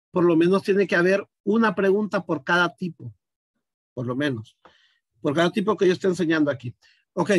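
High-voiced male teacher walking through a lesson. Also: a bit bright, no echo, studio quality. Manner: explains step by step, asks students questions. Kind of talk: online class demonstration.

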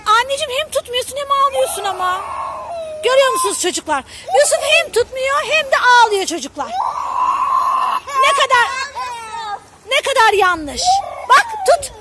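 High-voiced mother coaxing kids by a pool. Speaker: mother filming her children. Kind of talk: family vlog game narration. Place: outdoors by a pool. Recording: noisy outdoor recording.

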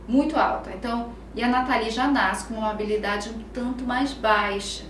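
A Brazilian Portuguese-accented woman explains things as a guest on a podcast, her fairly high voice bright with animated storytelling. She sits a little back from the mic in an echoey room, with faint ambient noise behind her. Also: normal speed, recorded from a distance. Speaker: psychologist guest.

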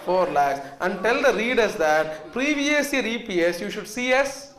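A man's voice: sits high, expressive, measured pace, fairly bright tone. A man in his thirties with a South Indian accent, teaching a class emphatically, repeating points and prompting students to respond. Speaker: accountancy teacher. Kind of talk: classroom lecture with repeated check questions. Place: indoor classroom. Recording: echoey classroom sound.

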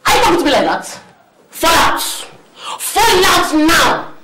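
A woman's voice: sits high, sing-song, unhurried. A woman with a Nigerian accent playing a bossy older mother-in-law who dotes on her son, speaking in a dramatic, theatrical way. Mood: defiant. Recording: echoey room, loud background noise.

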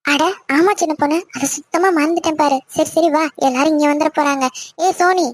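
A woman's voice: high-pitched, steady tone, fairly quick, no echo, close to an everyday voice. A woman voicing a worried middle-aged village mother who is afraid of her husband and speaks in a pleading, apologetic way in a cartoon. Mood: hurried. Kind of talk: Tamil cartoon voice acting.

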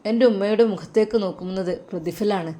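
A woman voicing a troubled young male religious scholar who deeply loves his mother, speaking softly and sorrowfully. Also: fast talker, close to an everyday voice. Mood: tender. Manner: soft, sorrowful, heartfelt.

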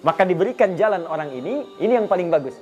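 A middle-aged man preaching a sermon, telling stories with acted dialogue and recited verses, swinging between loud emphasis and soft asides. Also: sits high, animated, quick pace, dull audio, soft background music. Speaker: Islamic preacher.

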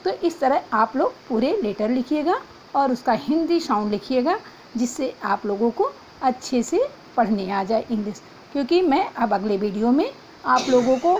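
A woman teacher giving a class lesson for young children, spelling out letters and dictating slowly. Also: on the high side, darkish tone. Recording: slightly dull, faint background hiss.

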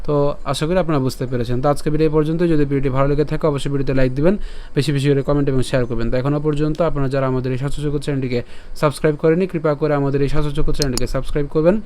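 A man teaching verse pronunciation over slides, patiently repeating each word and syllable slowly and now and then chanting the lines to a melody. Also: on the high side, steady tone, dark tone. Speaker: scripture recitation teacher. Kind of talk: slide-based pronunciation lesson.

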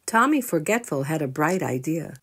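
A woman with a low-pitched, husky voice reads a children's storybook aloud at normal speed. As a storyteller speaking to young listeners, she is expressive and asks them questions.

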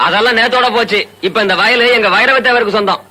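A cocky henchman taunts a rival in a village film drama. He talks fast in a high, bright voice. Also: steady tone, exaggerated voice, poor audio. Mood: taunting. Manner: provocative, boastful.

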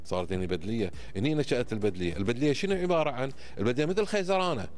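A Kuwaiti man in his fifties speaks rapid-fire on a podcast as a guest, animated and medium-pitched with a slightly mellow tone. He explains like an emphatic teacher and checks often that the listener is keeping up. The sound comes from a close studio microphone on a boom arm indoors, over soft background music.

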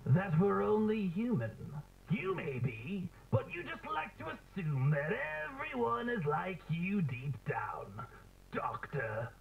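A man's voice: sits high, sing-song, slow, creaky, exaggerated voice. An actor playing a theatrical, mocking, menacing clown villain who drawls his lines in an analog horror drama. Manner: drawling, theatrical, with cackling laughter. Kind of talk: scripted analog horror acting. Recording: tinny, noisy degraded tape.

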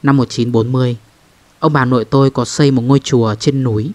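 A man narrating a first-person ghost story in a calm, measured way. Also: mid-range voice.

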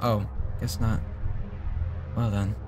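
A man commentating his horror gameplay, loudly exasperated and swearing at the game. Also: on the low side, level tone, slow. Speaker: gaming YouTuber. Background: game music.

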